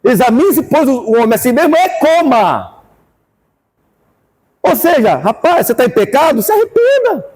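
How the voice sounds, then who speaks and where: A man with a Brazilian Portuguese accent preaching a fervent sermon as pastor, rising to shouts at times. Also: very high-pitched, big pitch swings, normal speed, long pauses, slightly rough, in a large hall.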